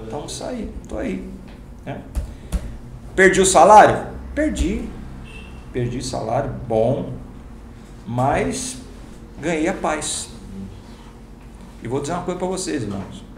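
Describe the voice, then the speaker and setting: A man, a pastor, telling a personal testimony to a class, acting out each exchange in slangy, lively speech. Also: a little high, slow, long pauses. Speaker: pastor and teacher. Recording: roomy hall with background noise.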